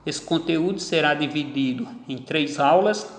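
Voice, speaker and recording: A man teaching a grammar lesson, stressing each example word slowly and deliberately. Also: a little high. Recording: echoey room with long reverb.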